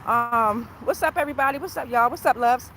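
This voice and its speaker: Brisk and sharp, this woman's fairly high voice carries over outdoor street and traffic sounds. Walking near traffic, the tarot reader hosts an informal phone livestream, repeating herself and checking on her followers.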